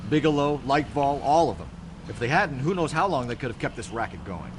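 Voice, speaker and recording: A male actor plays a reflective detective in a period crime game. His mid-pitched voice moves with lively stress over a clear car hum. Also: fairly quick, lightly acted. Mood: sober, disdainful. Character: sober, reflective male 1940s police detective. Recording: loud car hum behind the voice.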